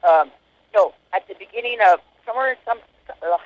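A woman's voice: mid-range voice, animated, brisk. A woman speaking over a prison phone line, answering interview questions hesitantly with frequent ums. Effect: heard over a prison phone line. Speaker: inmate interviewee.

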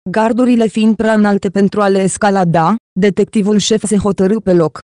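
An audiobook narrator reading a novel in a steady, even manner. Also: mid-range voice, no room sound, clean studio sound. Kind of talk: scripted narration.

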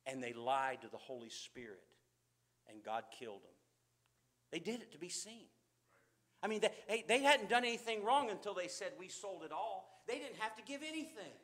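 Bright-voiced fervent preacher man. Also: sits high. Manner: fervent, swings between loud emphasis and quiet asides. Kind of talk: sermon. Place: church.

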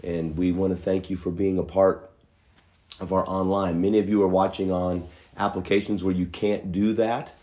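A middle-aged pastor, hoarse from a cold, offers earnest and folksy announcements to his online church from the living room. His low-pitched, mellow voice has a flat delivery, peppered with many filler pauses.

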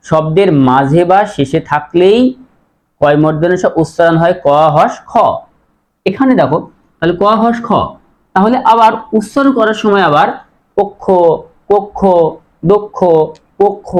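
A man with a high voice teaches pronunciation rules. He works through each example slowly, repeats the words and poses questions to his students as he goes. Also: expressive. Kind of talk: Bengali pronunciation lesson.

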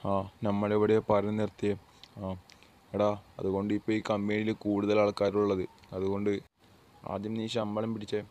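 A man voicing a brisk company boss who lays off a worker, in an amateur dub of a game short film. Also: lowish voice, monotone, a little mellow, close to an everyday voice. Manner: brisk and matter-of-fact. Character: male company boss, blunt and businesslike.

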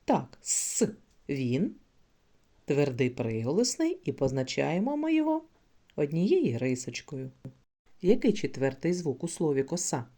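A woman's voice: low voice, huge pitch swings, measured pace, mellow. A woman teaching a literacy lesson to young children, speaking patiently and drawing out sounds and words for them to repeat.

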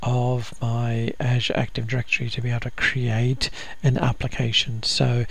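Male tutorial narrator, gravelly and flat-toned, methodical step-by-step delivery with plenty of ums. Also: mid-range voice, moderate pace. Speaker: software instructor. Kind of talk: screen-recorded software tutorial.

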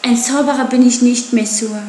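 A woman's voice: fairly high pitch, fairly even intonation, moderate pace, dark tone, reverberant, close to an everyday voice. A woman voicing a defiant wild boy raised by wolves, scornful and taunting. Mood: urgent.

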